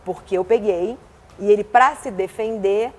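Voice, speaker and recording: A woman guest in a television studio interview, speaking forcefully as she recounts events. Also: mid-range voice, normal speed. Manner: speaks forcefully, gestures a lot.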